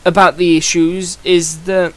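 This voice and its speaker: A man's voice: high voice, level tone, a little slow, a bit bright. A young man giving a casual video review, rambling and chatty, often restarting his sentences. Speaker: comic book reviewer.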